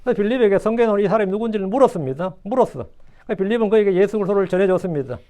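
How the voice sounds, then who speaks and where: A man's voice: high-pitched, lively intonation, rapid-fire, mellow. A male pastor preaching a sermon, repeating his phrases, asking rhetorical questions and dropping English phrases into his talk.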